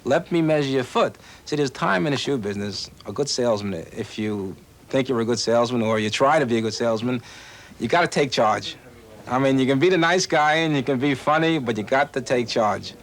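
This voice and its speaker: A man's voice: mid-range voice, fairly quick. A man from Western Pennsylvania, a shoe salesman, eagerly telling stories in a busy shoe store and acting out his customers. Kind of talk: interview and on-the-job talk. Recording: 1980s news film with faint ambience.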